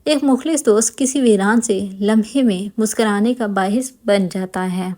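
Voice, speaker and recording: Woman narrator for a novel read-aloud, calm and even, warm dark tone. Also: mid-range voice. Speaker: audiobook narrator.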